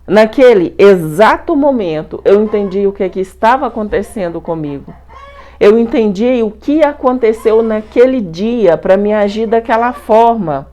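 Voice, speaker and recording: A middle-aged Brazilian woman telling a personal story to her viewers in a lively, colloquial, repetitive way. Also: mid-range voice, moderate pace. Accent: Brazilian Portuguese. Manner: animated, repetitive, colloquial retelling. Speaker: spiritual channel host.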